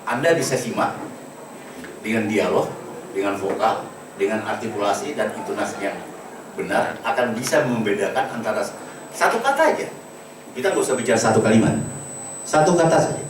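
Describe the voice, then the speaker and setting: Guy running an acting workshop, demoing how a word changes with tone, sounds far off in a boomy room. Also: fairly quick, pauses often. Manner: instructive, demonstrates words with varied intonation. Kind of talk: lecture to a workshop. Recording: echoey room recorded from a distance with background noise.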